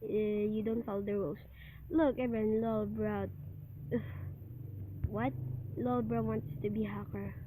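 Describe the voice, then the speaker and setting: Hosting a gaming video, a woman offers casual commentary while sounding a bit under the weather. Her voice is fairly high and mellow, with fairly even intonation, a slightly slow pace and long pauses. The home recording is noisy and has clicks.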